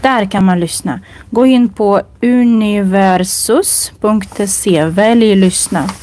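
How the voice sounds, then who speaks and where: A woman teaching a casual language lesson in a library, browsing books and speaking slowly and clearly for learners. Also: mid-range voice, a little mellow. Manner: slow, clear demonstrating speech for learners; chatty, recommends books while browsing. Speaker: Swedish teacher. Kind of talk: casual live lesson on a walk. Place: library, indoors.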